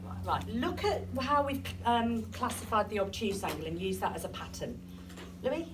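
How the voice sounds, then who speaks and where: A woman teacher runs a classroom lesson, tossing out questions and praising answers. Her voice rises and falls in lively swings. It sounds like a distant classroom recording with steady background noise. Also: on the high side, moderate pace. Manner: questioning students, encouraging.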